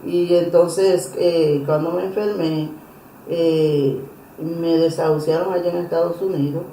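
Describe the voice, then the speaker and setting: A woman telling her personal religious testimony in an interview, earnest and emotional, pausing and restarting often. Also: on the low side, steady tone, warm tone, a little hiss or hum. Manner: earnest, emotional storytelling with many pauses and restarts. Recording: roomy echo.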